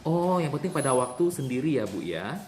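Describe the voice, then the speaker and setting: A man's voice: medium pitch, sing-song, brisk, soft background music. A man playing a nurse in a role-play demonstration, patiently repeating the patient's answers back to her. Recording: echoey room with faint noise.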